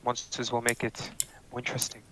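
A man's voice: medium pitch, completely flat delivery, a little fast. A young man in game chat banter, irritable and swearing constantly. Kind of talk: casual gaming banter. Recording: very noisy mic with keyboard clicks.

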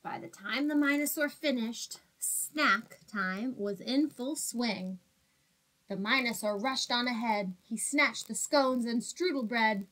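A woman in her twenties with a fairly high, fairly bright voice speaks slowly, and the audio is poor. She's a teacher in a small plain room indoors, reading a storybook to small children, explaining simply and asking them questions.

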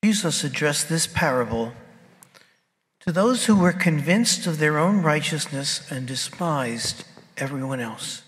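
A clergyman proclaiming the Gospel at Mass in a measured, solemn reading voice, heard in a cathedral echo. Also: fairly high pitch, lively intonation, a bit bright. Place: large church. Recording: long church reverb.

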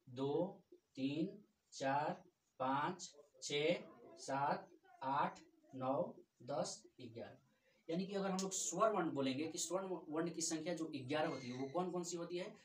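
Man teaching grammar in an echoey room. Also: high-pitched. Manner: asks questions then answers them himself. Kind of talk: grammar lesson. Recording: echoey room, distant mic.

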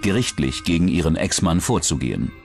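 A male narrator delivers a scripted true-crime documentary in a lowish, gravelly voice with a lively melody. He speaks briskly over soft underlying music.

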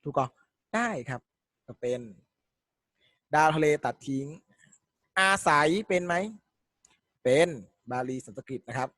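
A man's voice: mid-range voice, a little slow, pauses often, pushed and bright, dry recording. A man teaching an exam-prep language lesson, working through questions step by step and quizzing his students as he goes. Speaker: Thai language tutor.

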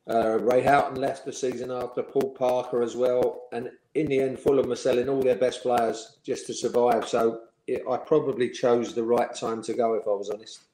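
A man in his sixties recalls his playing days with easy, lively storytelling, laughing along at his own tales. His voice sits at an ordinary middle pitch. He sounds like he is in a bare room with a noticeable echo. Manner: lively storyteller, chuckling, acts out the people he quotes. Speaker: former footballer, interview guest. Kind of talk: anecdotal interview storytelling. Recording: echoey room.

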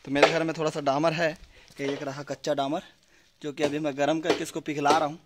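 A man's voice: fairly high pitch, little pitch movement, fairly quick, heavy background noise. A young man from West Bengal, chatting directly to viewers while filming himself on a phone held at arm's length in an outdoor backyard. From West Bengal, India. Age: young adult. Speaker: vlogger. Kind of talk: casual vlog narration.

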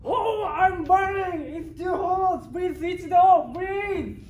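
A performer in an amateur stage play voicing a coffee maker that has come alive, crying out frantically in long pained shouts. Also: very high voice, full character voice. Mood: frantic, pained. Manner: coffee maker wailing in pain, drawn-out shouted cries. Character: frantic talking coffee pot, really a shape-shifting tanuki. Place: classroom stage, indoors. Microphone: far camera. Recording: roomy, noisy classroom, distant camera microphone.

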